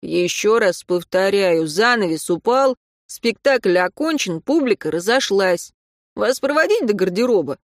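A woman's voice: medium pitch, animated, unhurried, no echo. A woman reading a sarcastic, cold young man. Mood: mocking. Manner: dry, mocking, curt. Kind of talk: audiobook reading.

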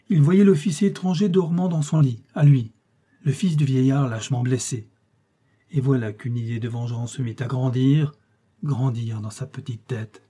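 An audiobook narrator with a medium-pitched, slightly rough voice reads a literary story aloud. His delivery is measured and expressive, in a storytelling manner.

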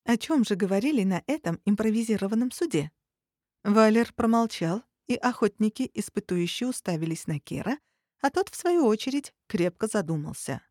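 Lady narrating a story audiobook, measured, warm mellow voice. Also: medium pitch, animated, no echo, clean studio sound.

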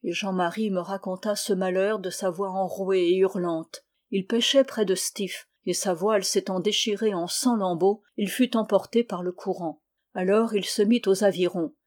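A woman reading a literary novel aloud in a measured, even narration. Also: mid-range voice. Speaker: audiobook reader.

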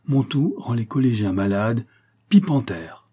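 A man reading aloud and voicing a boastful male gambler who likes to show off. The voice sounds husky and smug. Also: mid-range voice, big pitch swings, unhurried, dark tone. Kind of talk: storybook reading.

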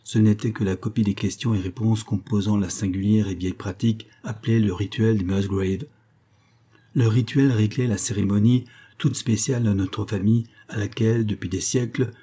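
Low husky male audiobook narrator. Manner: measured, steady storytelling. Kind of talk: first-person audiobook narration.

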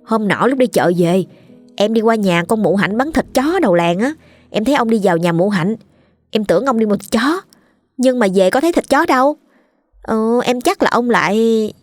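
A woman's voice: on the high side, animated, normal speed, dry recording, studio quality, pitched above the performer's own voice. A gossipy young servant girl who tattles in a raised, chirpy voice, as a woman narrator puts her on. Faint music plays behind her. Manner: chattering, tattling.

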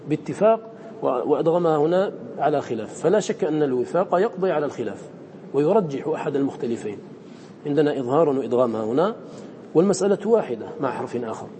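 A male teacher leads a classroom lesson in a rapid, dark-toned voice that sits somewhat high. He questions his students and slows right down to draw out each quoted line. Faint room noise hangs behind him. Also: big-room sound. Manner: quizzes students, slowly drawing out quoted verse.

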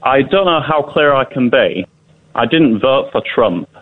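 A British man calling a radio show over a landline phone, talking in a calm, matter-of-fact way. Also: medium pitch, a little slow. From Britain. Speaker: caller. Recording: tinny phone line.

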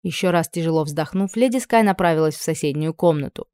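A woman reading a fantasy story aloud in a steady, measured way. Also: deep voice, clear, resonant tone, dry recording, clean studio sound. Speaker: audiobook narrator. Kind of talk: scripted fantasy narration.

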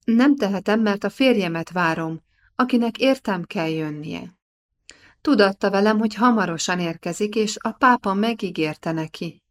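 A woman's voice: mid-range voice, close to an everyday voice. A woman reading an audiobook, voicing a proud, defiant young noblewoman and mother. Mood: pleading. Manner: defiant, pleading.

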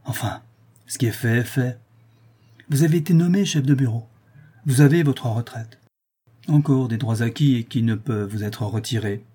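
A man reading aloud, voicing a calm, ironic man who corners a murderer with cool, relentless mockery. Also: mid-range voice, moderate pace, long pauses, slightly rough, close to an everyday voice. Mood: coolly mocking.

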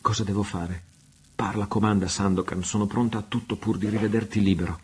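A man's voice: lowish voice, steady tone, fairly quick, darkish tone, a little hiss or hum, close to an everyday voice. A man reading as a devoted young noblewoman. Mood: earnest. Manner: pleading, tender.

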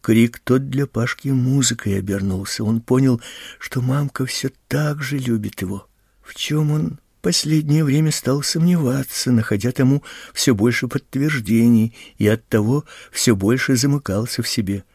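Man reading an audiobook slowly, gravelly husky voice, dry close sound. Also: mid-range voice, a little mellow, no room sound. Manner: slow, measured reading. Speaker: audiobook reader. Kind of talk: scripted narration.

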